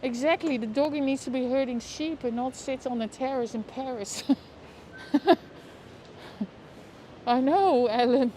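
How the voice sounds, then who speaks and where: Walking live outdoors, a woman with a Dutch accent keeps up casual, chatty commentary in a high voice with a dark tone, at an unhurried pace. As a livestream tour host she reacts aloud and addresses viewers by name. Her lapel mic picks up clear traffic and street noise all around her.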